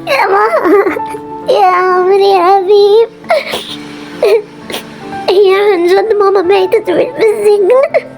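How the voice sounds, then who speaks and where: A woman's voice: very high voice, faint music behind, full character voice. A woman voicing a young girl, an anxious and loving little sister who talks in a pleading, childlike way. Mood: confiding. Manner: childlike, pleading, quick and breathless. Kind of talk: amateur game drama voice acting.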